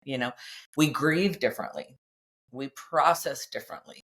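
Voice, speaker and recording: A woman's voice: a bass voice, normal speed, a bit bright. A woman hosting a podcast, talking candidly and reflectively with her husband, often speaking to women listeners. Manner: chatty with many fillers. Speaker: podcast host.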